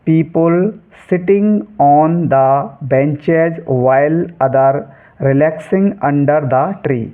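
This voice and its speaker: A man with a somewhat high voice gives an English reading lesson. He takes it very slowly, reading each English phrase word by word before explaining it in Hindi. The sound is thin and tinny, like a phone line. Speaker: English teacher.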